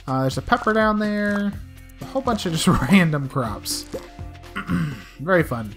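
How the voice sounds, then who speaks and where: A young woman with a low, slightly scratchy voice chats through a video game as host. Her delivery is playful and lively in pitch, with soft game music behind her. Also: measured pace. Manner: playful, chatty, talks to game characters. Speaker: let's play host. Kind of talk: casual game commentary.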